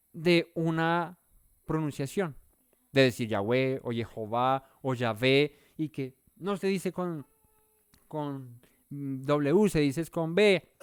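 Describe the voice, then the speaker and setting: A man's voice: on the high side, clear, resonant tone, dry recording, clean studio sound. A man leading an interactive Bible study, talking in a conversational way and often asking the listeners questions. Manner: conversational, thinks aloud.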